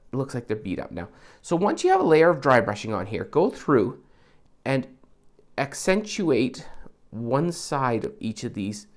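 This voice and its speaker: A man with a gravelly voice walks viewers through a hands-on prop build, chatting casually as he works. His pitch swings widely, and he wanders off into friendly asides. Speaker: prop maker. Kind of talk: casual DIY tutorial.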